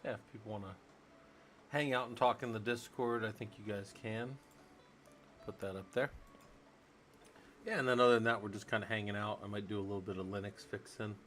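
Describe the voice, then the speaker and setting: A man's voice: on the low side, fairly even intonation, fairly quick, long pauses, a bit bright, soft background music. A man hosting a casual live stream, chatting loosely and thinking aloud while he works on a computer. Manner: loose and rambling, thinks aloud, many fillers. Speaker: livestream host.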